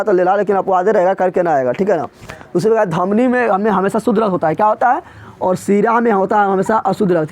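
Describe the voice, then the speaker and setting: High-voiced man drilling students. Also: darkish tone. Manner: drills students with repeated quiz questions; colloquial, emphatic explaining. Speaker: teacher. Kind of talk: classroom lecture.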